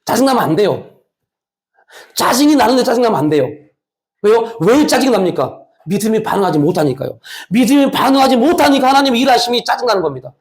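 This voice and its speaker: A man's voice: very high voice, very animated, quick pace. A man preaching a sermon as pastor. He is emphatic, asks many rhetorical questions, and mixes frank, colloquial asides with exhortation.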